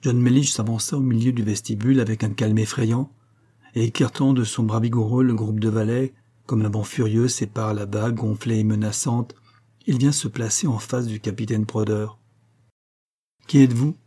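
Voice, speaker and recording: A man reading a classic novel aloud in a steady, measured narration. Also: on the low side, husky. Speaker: audiobook reader.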